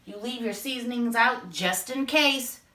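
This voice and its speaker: A woman hosts a home cooking vlog with a bright, forward voice. She talks straight to her viewers with chatty enthusiasm. She is picked up from a distance in an echoey kitchen. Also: a little high, unhurried. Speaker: cooking show host. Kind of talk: casual cooking tutorial.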